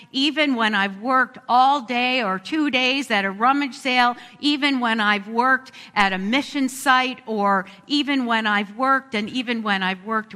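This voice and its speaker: A woman pastor leads a slow, heartfelt prayer, her voice bright and clear. Each phrase hangs in the long reverb of a big church sanctuary. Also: a little high. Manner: slow, reflective, heartfelt praying. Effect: long echo of a large church hall. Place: church sanctuary during a service.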